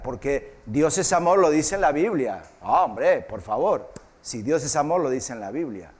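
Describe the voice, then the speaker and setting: A man's voice: medium pitch, a little mellow. A man pastor preaching a live church sermon, often asking the congregation questions and tagging on "¿eh?". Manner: asks the congregation questions, repeats "¿eh?". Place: church hall.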